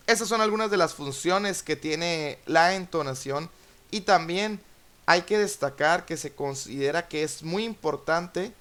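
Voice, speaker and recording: A man's voice: on the high side, a bit bright, clean tone. Man explaining in a lecturing tone. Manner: measured, lecturing with frequent fillers. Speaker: podcast host, Spanish teacher. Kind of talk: explanatory podcast talk.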